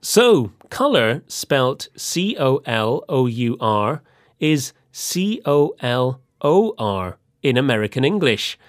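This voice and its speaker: A man presenting a scripted language lesson with a lively, measured delivery. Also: mid-range voice, dry recording, studio quality.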